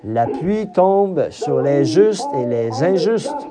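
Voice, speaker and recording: A man's voice: on the high side, very animated, slow pace. A man preaching a sermon with emphatic delivery, rising to cries on key phrases. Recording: crowd audible behind.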